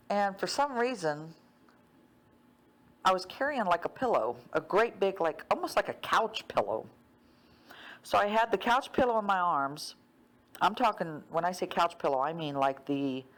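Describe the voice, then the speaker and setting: A woman casually retelling a dream in a rambling way, full of "um" and "like,". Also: fairly low pitch. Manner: rambling, many fillers like "um" and "like".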